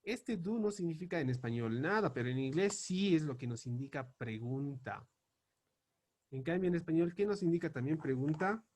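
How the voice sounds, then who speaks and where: A man teaching English grammar, spelling out example questions slowly and word by word as he writes them up. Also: on the high side, lively intonation, a little mellow. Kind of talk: explaining grammar on a board.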